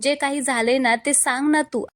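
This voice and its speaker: A woman's voice: sits high, steady tone, normal speed, a bit bright, no room sound, pitched above the performer's own voice. A woman voicing an anxious young wife.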